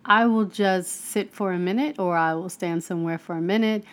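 A woman giving a casual spiritual self-help talk, conversational, with many fillers and restarts and animated, mock-exasperated asides. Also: mid-range voice, moderate pace.

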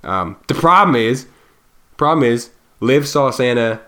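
A man's voice: mid-range voice, expressive, measured pace, bright, forceful tone. A man in his thirties co-hosting a podcast, talking loosely and musing, often trailing off and restarting. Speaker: podcast co-host. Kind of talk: casual chat.

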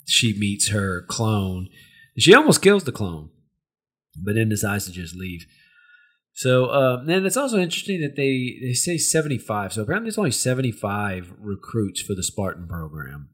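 Casting: American man, fairly deep, casual host who rambles and hesitates through a recap. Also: a bit bright, husky. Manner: rambling, hesitant, searching for words. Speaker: podcast host. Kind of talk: casual discussion and episode recap.

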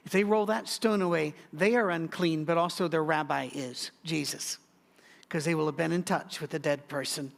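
Middle-aged male pastor, higher voice, sermon delivery with humorous asides. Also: steady tone, moderate pace, vocal fry. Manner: storytelling with joking asides.

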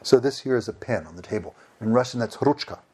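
A man's voice: medium pitch, fast, breathy edge. A man casually telling a funny anecdote, acting out both sides of a conversation and laughing along. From United States. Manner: animated, acts out dialogue with laughs. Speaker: storyteller.

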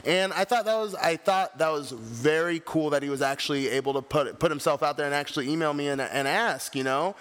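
A man's voice: fairly high pitch, a little fast, few pauses, fairly bright tone. A man in his twenties co-hosting a cycling podcast, talking in a laid-back, slangy way with lots of fillers. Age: 20s. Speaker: podcast co-host. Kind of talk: casual chat. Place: bike shop.

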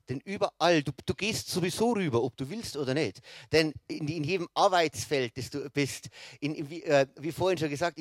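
A man's voice: fairly high pitch, no echo. A man preaching a sermon in a conversational way, often checking in with his listeners and restarting his phrases.

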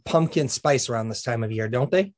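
A man as a guest on a casual podcast, relaxed and joking, with frequent uh and um fillers. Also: medium pitch, brisk, slight background noise.

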